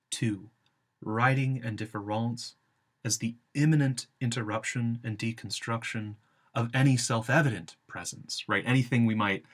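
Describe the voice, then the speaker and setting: A man giving an academic philosophy lecture, deliberate and halting, repeating phrases, with a whistling s on his sibilants. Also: mid-range voice.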